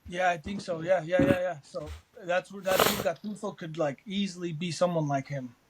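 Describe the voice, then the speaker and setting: A man's voice: high voice, fairly even intonation, normal speed, very noisy. A man co-hosting a casual sports podcast, laid-back and rambling, swearing freely. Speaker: podcast co-host.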